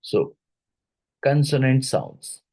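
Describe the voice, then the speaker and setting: A man of medium pitch takes his time, his creaky, slightly mellow voice making huge pitch swings. With an Indian English accent, he teaches exam-prep phonetics from worksheets, explaining each step and checking in with "right?" and "isn't it?".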